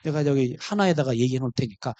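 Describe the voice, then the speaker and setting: A man's voice: medium pitch, fast talker, warm tone, muffled recording. A middle-aged male pastor telling a personal story in a sermon, acting out the dialogue as he goes.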